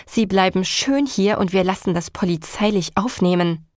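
A woman voicing an angry grown man who shouts indignantly at a driver in an audiobook scene. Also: medium pitch, moderate pace, dry recording, studio quality, close to an everyday voice. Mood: stern. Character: furious father, a grown man.

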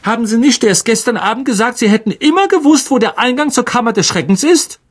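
A man's voice: very high-pitched, lively intonation, fast talker, breathy edge, voice pushed up, heavily acted. A man voicing a blunt female teacher in an audiobook reading, pointed and needling. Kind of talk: audiobook character voice.

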